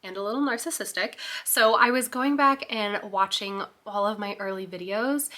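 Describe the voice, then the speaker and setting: A woman's voice: on the high side, bright, forceful tone. A young woman chatting casually to camera in a vlog, bubbly and gushing, laughing often and getting a little emotional. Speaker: author vlogger.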